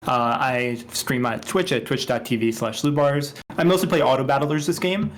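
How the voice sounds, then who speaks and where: Activist guy giving a loose rambling intro, mid pitch. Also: steady tone, moderate pace. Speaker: panel guest, activist.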